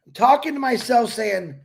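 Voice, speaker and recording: A man hosting a casual motivational livestream, talking in a rambling, animated way and laughing often. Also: very high voice, unhurried, creaky. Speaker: livestream host.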